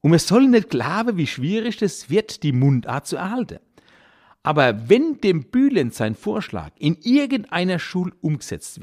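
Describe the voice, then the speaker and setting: A man's voice: fairly high pitch, a little mellow. A man with a Kurpfalz dialect accent, a cabaret artist giving a playful, theatrical comic monologue with exaggerated intonation. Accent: Kurpfalz (Palatinate) German. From Kurpfalz region, Germany. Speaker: cabaret artist, podcast host.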